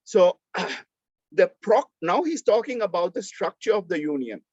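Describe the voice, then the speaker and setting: A man with a Sri Lankan accent lecturing an online class, explaining a text in a halting, emphatic way, rephrasing and repeating as he goes, over a video call. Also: high voice, big pitch swings, a little mellow, slightly rough, no echo. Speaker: university lecturer. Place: online video call, close dry sound. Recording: slightly dull video call audio.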